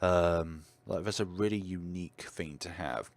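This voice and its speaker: A man with a deep voice, chatting casually on a livestream with lots of fillers and a slight stutter. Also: unhurried, no echo. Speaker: streamer.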